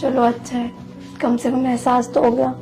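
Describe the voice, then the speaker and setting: An actress playing a hurt, sulky elder sister-in-law who grudgingly forgives. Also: female voice, a little high, little pitch movement, moderate pace, lightly acted. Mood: hurt, forgiving. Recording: background score music.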